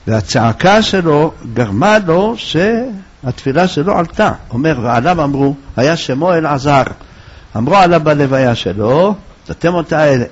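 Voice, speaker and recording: A rabbi teaching a religious lesson, telling a story in an animated way and acting out its voices. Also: male voice, fairly high pitch, husky. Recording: dull lo-fi recording.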